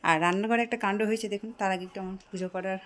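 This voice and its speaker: A woman's voice: medium pitch, fairly even intonation, rapid-fire, a bit bright. Chatty woman vlogging in an echoey kitchen. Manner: chatty, running commentary while cooking. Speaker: vlogger, mother cooking at home. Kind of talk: casual home cooking vlog. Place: home kitchen, indoors. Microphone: phone camera. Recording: echoey kitchen with faint frying noise.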